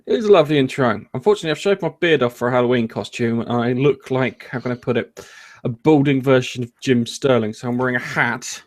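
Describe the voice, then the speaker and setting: A man runs a casual gaming podcast in a relaxed, rambling way. He jokes about himself and trips over his phrases. His voice sits at an ordinary middle pitch. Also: fast talker, few pauses. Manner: rambling, jokey, frequent ums and restarts. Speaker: podcast host.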